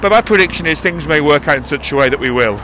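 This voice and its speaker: A man with a voice on the high side talks fast and expressively, rambling and correcting himself in a vlogger's audio diary. Holding a cupped handheld mic, he walks uphill along a busy road and runs short of breath, and passing traffic is heard in this outdoor street recording.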